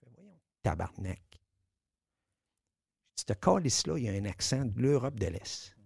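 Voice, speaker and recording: A man with a Quebec French accent telling a story on the radio, animated, swearing and acting out the dialogue. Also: medium pitch, moderate pace, vocal fry, breathy edge, no echo, clean studio sound.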